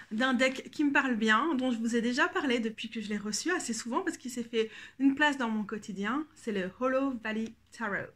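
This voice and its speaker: Woman, congested with a cold, casual review chat, hesitant, slightly high voice. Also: fairly bright tone. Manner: chatty, hesitant, frequent laughs and fillers. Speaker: tarot reviewer.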